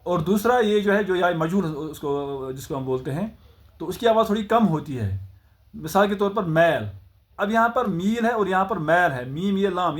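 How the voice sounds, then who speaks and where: A man with a Kashmiri accent teaching the Urdu alphabet, patiently sounding out each letter and explaining its pronunciation. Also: sits high. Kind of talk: spoken alphabet lesson.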